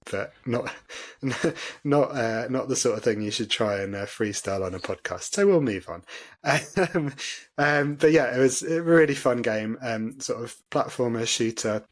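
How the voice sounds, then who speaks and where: A man's voice: medium pitch, lively intonation, unhurried. A man co-hosting a gaming podcast, chatting casually with a self-deprecating, rambling manner. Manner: chatty, self-deprecating, many fillers and laughs. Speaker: podcast co-host. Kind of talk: casual chat.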